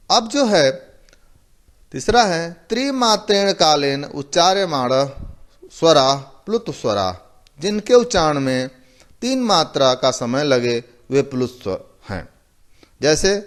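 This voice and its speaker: A male teacher giving a slow, methodical lecture, repeating each term and explaining it with simple examples. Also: on the high side, big pitch swings. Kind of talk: recorded classroom lecture.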